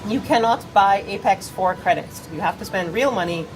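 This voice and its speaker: A community manager on a game livestream, who has a cold, casually explains game features. Her medium-pitched voice moves at a moderate pace, plain and informative with many fillers. The audio is poor, with slight background noise.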